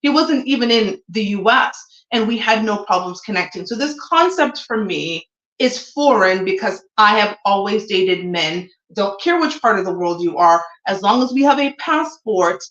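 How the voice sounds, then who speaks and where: This show host, a woman in her 40s who was born in Jamaica and grew up in Toronto, Canada, gives her frank opinions in a solo livestream, peppered with ums. Her mid-range, fairly bright voice is animated at a moderate pace. The audio is reverberant, with the highs cut off.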